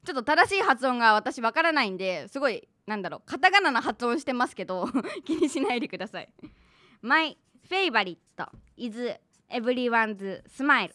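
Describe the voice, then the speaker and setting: A woman's voice: a little high, fast, hardly any pauses, no room sound. A woman hosting an internet radio quiz, teasing her guests and laughing often in playful studio chat. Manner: giggly, teasing, lively. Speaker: radio show host and quizmaster.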